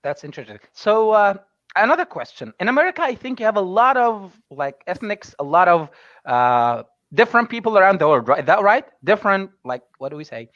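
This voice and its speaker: Lively high-voiced Egyptian man, hesitant. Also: brisk, no echo, dull audio. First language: Arabic. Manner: hesitant, searches for words with many fillers. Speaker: host and English instructor. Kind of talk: interview questions.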